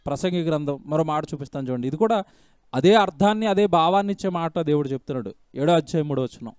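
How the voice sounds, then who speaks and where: A man's voice: fairly high pitch, animated, fast talker, darkish tone, clean tone, no echo, clean studio sound. A man preaching a sermon, driving points home with repeated phrases and rhetorical questions. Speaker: pastor.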